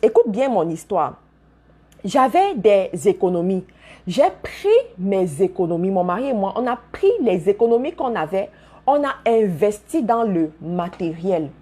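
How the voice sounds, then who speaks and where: A woman's voice: medium pitch, very animated, a little slow, mellow. A woman giving a motivational business talk to her followers, speaking emphatically, repeating key phrases and addressing listeners directly. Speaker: business coach.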